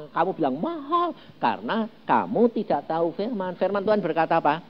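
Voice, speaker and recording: A man preaching a sermon, animated and firing rhetorical questions at the congregation. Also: on the high side, muffled recording. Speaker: pastor.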